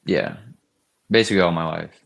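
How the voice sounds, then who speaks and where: A young man being interviewed as a guest. His voice is very low, and he keeps his answers short and easygoing. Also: very animated, normal speed, vocal fry. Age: young adult. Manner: laid-back, short understated answers. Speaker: guest racer.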